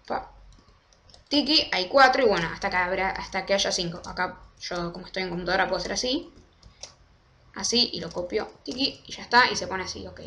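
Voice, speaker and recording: A young woman, casually walking through a game tutorial step by step and slowing down to spell out commands. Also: mid-range voice, pushed and bright, slight background noise. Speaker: Minecraft tutorial creator. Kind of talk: casual screen-recorded tutorial.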